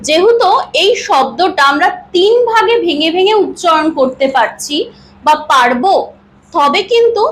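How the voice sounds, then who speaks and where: A woman with a very high, lively voice teaches a grammar lesson. She asks her own questions and answers them, stretching each example word into slow, clear syllables, with a faint hum of the room behind her. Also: rough recording. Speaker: English teacher. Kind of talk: classroom-style grammar lesson.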